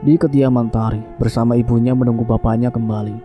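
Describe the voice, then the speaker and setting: A male storyteller reading a horror story in a steady, scripted narration, slowing down on dramatic beats. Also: mid-range voice, lo-fi sound. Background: faint music.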